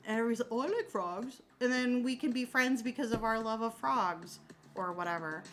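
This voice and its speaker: A middle-aged woman chatting casually as she works on a craft, candid and quick to swear, laughing often and correcting herself mid-sentence. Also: a little high, fairly even intonation. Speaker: crafter chatting while working. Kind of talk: casual chat.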